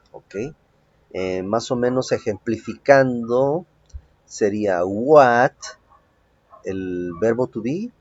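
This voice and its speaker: Male teacher with a Mexican Spanish accent. Slow, patient, step-by-step delivery. Lo-fi home recording. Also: on the low side, a little mellow. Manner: patient, explains step by step, keeps checking with "¿ok?". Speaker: English teacher. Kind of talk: remote English lesson.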